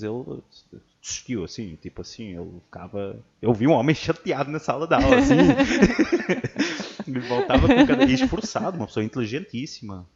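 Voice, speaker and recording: A man's voice: on the low side, darkish tone, husky. A man hosting a podcast, chatting casually and telling stories with frequent restarts and repeated words. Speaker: podcast host. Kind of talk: casual chat. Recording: muffled lo-fi audio.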